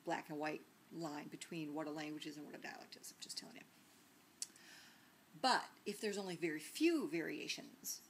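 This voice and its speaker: A woman's voice: deep voice, a little hiss or hum. A woman from the northern United States teaching a sociolinguistics lesson in a conversational lecture style, with many fillers and tag questions. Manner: conversational, frequent "right?" and "um" fillers.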